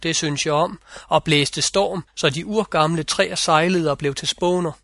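A man's voice: fairly high pitch, a bit bright, dry recording. A man voicing the wild, rugged male West Wind in a fairy-tale reading.

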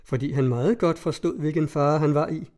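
A man voicing a desperate, defiant young woman in an audiobook reading, with a mellow voice. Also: on the high side, natural voice.

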